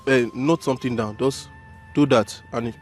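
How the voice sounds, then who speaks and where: A man, a student in a group interview, easygoing and agreeable, pausing with fillers. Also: mid-range voice, fairly even intonation, darkish tone, soft background music.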